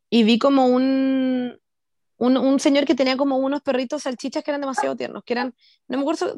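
A young woman with a Chilean accent telling a story to friends on a video call, animated and full of slang. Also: sits high, no echo. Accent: Chilean Spanish. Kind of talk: casual chat.

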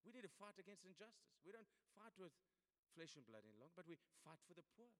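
Older south african preacher guy, high bright voice, big reverb hall, rambling stories. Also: big pitch swings, fast talker. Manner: chatty, storytelling preacher with laughs and repetitions. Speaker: pastor. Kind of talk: sermon.

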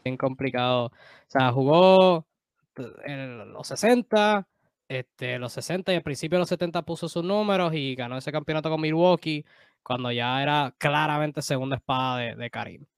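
Animado hombre puertorriqueño, sonido seco. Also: male voice, on the high side, clean tone, no room sound, clean studio sound. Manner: animated, quick bursts, self-correcting. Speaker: podcast co-host. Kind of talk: casual sports debate.

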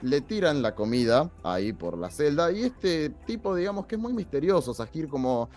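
A young Argentine man tells the story of an episode in loose, slang-filled chat. His voice swings widely up and down as he voices each character, with soft music in the background. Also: fairly high pitch, normal speed. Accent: Argentine Spanish. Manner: lively, slangy, acts out characters' lines. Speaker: podcast host recapping an episode. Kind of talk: casual recap with acted quotes.

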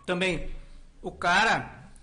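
A man's voice: high-pitched, slow, pushed and bright. A man from southern Brazil with a Gaúcho accent, telling a story in casual chat and acting out the people he quotes. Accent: Gaúcho Portuguese.

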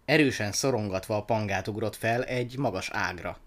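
A man narrating a children's story aloud in an expressive, animated reading. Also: on the low side.

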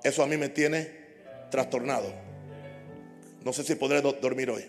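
A man preaching a sermon as pastor, impassioned and repetitive, building up to shouts. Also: medium pitch, normal speed, big-room sound, soft background music. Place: church hall.

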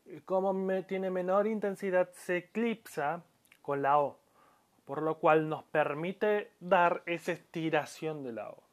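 Speaking a little slowly in a high-sitting voice, this man teaches Japanese through an audio lesson. Describing himself as an audio-lesson maker, he talks to listeners directly, patiently covering pronunciation, stretching example words and frequently starting over.

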